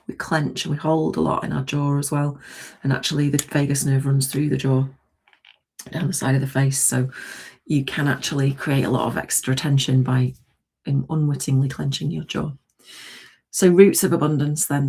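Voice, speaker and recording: A woman guiding a tapping session on a morning livestream, talking slowly and soothingly, then chatting with viewers in a low, gravelly voice. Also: flat delivery, a little mellow. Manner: slow, soothing guidance that turns chatty. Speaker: tapping and energy work coach.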